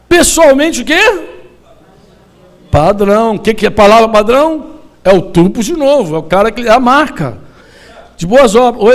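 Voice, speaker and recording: A Brazilian pastor preaching a sermon to a gathering of church leaders, lively and colloquial, tossing questions to the audience. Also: male voice, sits high. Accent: Brazilian Portuguese. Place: conference hall.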